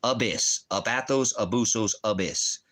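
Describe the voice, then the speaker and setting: Sitting by a fireplace at home, a ministry teacher runs a rambling Bible-teaching livestream, challenging commenters bluntly and frequently answering his own questions. His voice is fairly low and fairly bright, and he speaks a little slowly.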